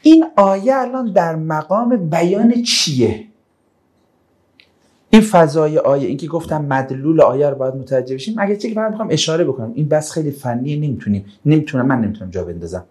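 A man teaching Quran interpretation to a class, animated, calling on students one by one and turning down their answers. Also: on the high side. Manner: animated, calls on students and keeps rejecting answers. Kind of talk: classroom lecture with questions to students.

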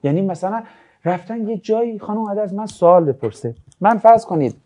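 A man teaching a religious ethics class, lecturing casually and acting out anecdotes with jokes. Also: sits high. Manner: lively, jokey, acts out anecdotes.

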